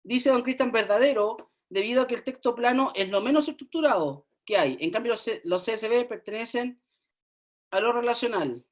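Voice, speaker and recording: A woman's voice: on the high side, expressive, normal speed. Woman lecturing an online class. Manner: checks in often with "¿ya?" and thinks aloud with hums. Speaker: university lecturer. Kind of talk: online class, going over quiz answers.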